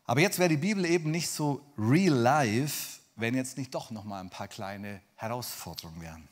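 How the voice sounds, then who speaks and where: A man preaching a sermon, addressing listeners directly and swinging from loud dramatic bursts to hushed, near-whispered lines. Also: medium pitch, lively intonation, moderate pace.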